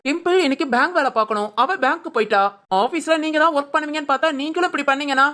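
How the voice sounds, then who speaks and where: A man's voice: extremely high pitch, very fast, pushed and bright. A man playing a stern but kindly office boss in a village web drama.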